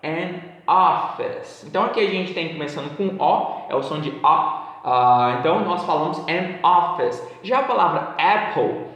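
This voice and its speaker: A man's voice: on the high side, animated, a bit bright. Brazilian man teaching in an echoey room. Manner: explains patiently and repeats examples slowly. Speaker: English teacher. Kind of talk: casual online English lesson. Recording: very echoey room, long reverb.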